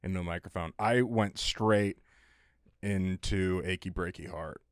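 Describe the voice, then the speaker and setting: Casual podcast co-host, man with a lowish voice, dry close sound, laughs through loose profane stories. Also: steady tone, unhurried, smooth, no room sound.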